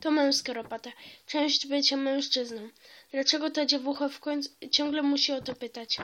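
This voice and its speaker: Casting: gruff clan father in a storybook reading, read by a woman with a high bright voice, curt and stern. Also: fairly even intonation, normal speed. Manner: stern, dismissive.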